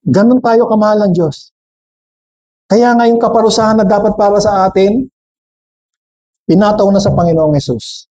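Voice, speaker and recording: A man's voice: high voice, normal speed, pauses often, mellow, lo-fi sound. A man with a Filipino accent preaching a sermon, switching between Tagalog and English, questioning and joking with the congregation. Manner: jokes with the congregation.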